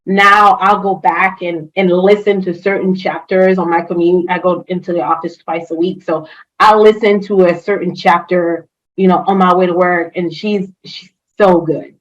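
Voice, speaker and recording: Speaking at a moderate pace in a lowish voice with fairly even intonation, a woman chats as a guest in a casual interview, and the audio has its highs cut off. She's an HR consultant whose first language is French, from a Haitian family where she grew up speaking French and Creole. She's enthusiastic, with many fillers and restarts.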